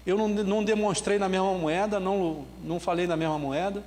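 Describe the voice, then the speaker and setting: A man preaching a sermon as pastor, telling a story in an animated way with bits of laughter. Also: sits high, in a large hall. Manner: ends with a slow spoken prayer.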